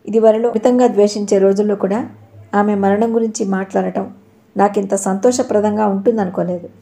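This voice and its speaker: Female narrator for an audio novel, mellow tone, voices every character herself. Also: mid-range voice, steady tone, fairly quick, gravelly.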